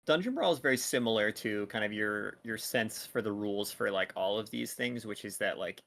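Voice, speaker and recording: A man acting as dungeon master explains tabletop game rules casually and ramblingly, full of "like" and restarts. His voice sits on the low side, gravelly yet fairly bright.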